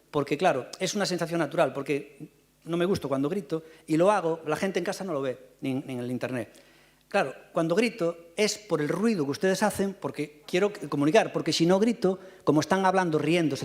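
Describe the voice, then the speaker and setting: A man, answering opponents in a heated council debate with combative, rapid rebuttals into a podium microphone in a council chamber. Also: high-pitched, darkish tone. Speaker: mayor answering in a council session. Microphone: fixed podium microphone.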